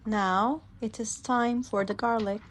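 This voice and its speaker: Speaking slowly with a fairly high, fairly even voice, a woman whose first language is Turkish narrates a cooking video as an English teacher. She uses plain, simple sentences for each step so learners can follow, and there's slight background noise.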